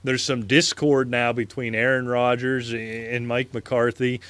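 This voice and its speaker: A man co-hosting a fantasy sports show, talking football emphatically in casual chat and repeating words when excited. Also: mid-range voice, a little slow, no echo. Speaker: fantasy sports podcast co-host.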